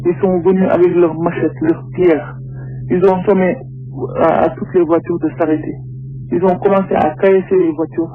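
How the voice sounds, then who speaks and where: A man's voice: sits high, husky. A man with his voice disguised by a voice changer, giving hesitant eyewitness testimony over the phone and stumbling on repeated words. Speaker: anonymous eyewitness caller. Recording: narrow phone line.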